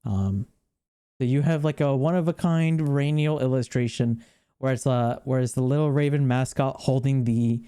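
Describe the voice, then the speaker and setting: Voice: mid-range voice, moderate pace, dark tone, clear, resonant tone. A streamer in casual livestream chat, rambling, laughing often and swearing freely while talking to viewers. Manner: chats with viewers while reacting on screen.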